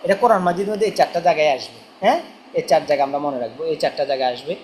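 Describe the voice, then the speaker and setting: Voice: medium pitch, expressive, a little mellow, a little hiss or hum, poor audio. Teacher drilling spelling. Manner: slow, repetitive letter-by-letter spelling and question-answer drilling. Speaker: Quran reading teacher.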